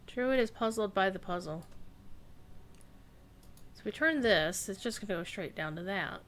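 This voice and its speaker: A woman's voice: medium pitch, lively intonation, a little slow, a bit bright. A woman giving casual gameplay commentary, chatty and playful, thinking aloud as she goes. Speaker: gamer, streamer.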